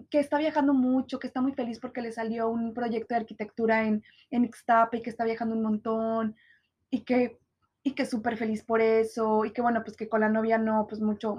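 A young woman with a Mexican accent, telling a story to her viewers in a casual, slangy and animated way and acting out the lines of the people in it. She sounds stressed and anxious. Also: fairly high pitch. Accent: Mexican Spanish. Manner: animated, slangy, acts out quoted dialogue.

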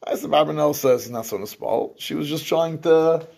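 A man's voice: on the high side, moderate pace, gravelly, darkish tone, husky. A man teaching a scripture class, explaining verses at length and often restarting his phrases. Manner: explains in English with Hebrew terms, restarts often. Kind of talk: lecturing on scripture.

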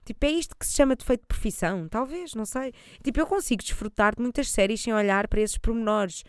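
A woman's voice: fairly high pitch, fast, clean tone, no echo, studio quality. A woman with a European Portuguese accent doing casual, humorous commentary in a chatty, slangy way, slipping into mimicked asides. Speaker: commentator reviewing a TV series.

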